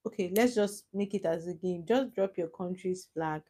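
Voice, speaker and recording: Her voice is lowish and mellow, moving at a moderate pace, as this young Nigerian livestream host chats casually. She teases, laughs a lot, and replies to viewers' chat comments.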